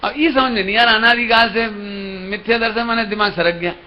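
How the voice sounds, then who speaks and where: A man's voice: high voice, fairly even intonation, a little fast. A man preaching a Jain sermon, telling a story and acting out the characters' lines, asking his listeners questions. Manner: storytelling, acts out characters' dialogue, asks the audience questions. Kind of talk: sermon with acted story voices. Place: lecture hall at a religious camp. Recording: dull live stream audio with faint hiss.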